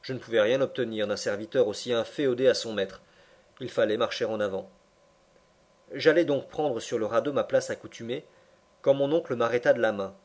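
A man narrating a literary audiobook in a measured, expressive reading voice. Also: mid-range voice.

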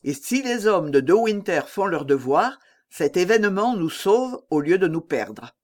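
A man voicing a calm, composed noble musketeer who speaks in a measured, reassuring way. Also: high voice.

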